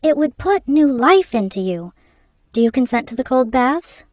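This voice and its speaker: A woman's voice: high-pitched, sing-song, moderate pace, a little mellow, no echo, voice pushed up. A woman reading aloud, voicing a bold young man who lectures and commands his elderly employer. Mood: lecturing.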